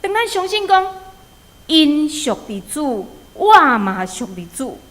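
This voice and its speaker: Taiwanese lady giving a sermon, kinda high voice, storytelling and asking rhetorical questions, big echoey hall reverb. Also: big pitch swings, slow. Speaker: preacher.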